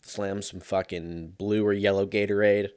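Man, thirties, podcast host, low voice, tired, rambling and cursing, dry close sound. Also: flat delivery, normal speed, a little mellow, clean tone, no echo. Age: 30s. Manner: rambling, profane, laughs often. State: low energy after being sick. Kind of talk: casual solo podcast chat.

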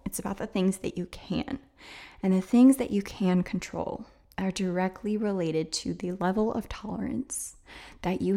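Woman, vocal fry, sore throat, voice slightly going, lowish pitch, candid confessional podcast monologue, hesitant conversational delivery. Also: a little mellow. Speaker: podcast host.

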